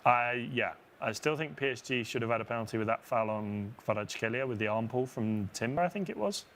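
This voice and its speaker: Excitable man reacting on a football watchalong. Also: mid-range voice, a little fast, slight background noise. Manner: excitable reactions, playfully argumentative. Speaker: co-host pundit. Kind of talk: live watchalong commentary.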